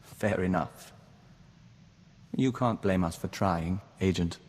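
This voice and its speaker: In scripted game dialogue, a companion character plays a serene diplomat bonded to an insect hive, referring to himself as "we." His deep, darkish voice sounds earnest and thoughtful, formal and measured, with long reverb and some background noise.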